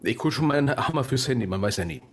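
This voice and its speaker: A man's voice: medium pitch, animated, slight background noise. A man co-hosting a podcast in casual banter, joking and sarcastic. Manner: joking, sarcastic, quick jabs. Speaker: podcast co-host.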